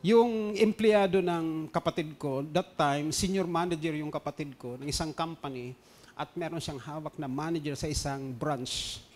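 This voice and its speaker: A man with a Filipino accent preaching a sermon as pastor, switching between loud emphasis and quiet storytelling. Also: a little high, normal speed.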